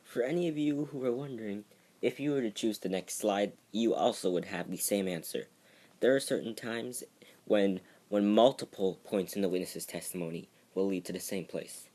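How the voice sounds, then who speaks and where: A man's voice: fairly low pitch, moderate pace, dark tone. A man giving casual, joking commentary while he plays through a video game. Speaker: let's play commentator.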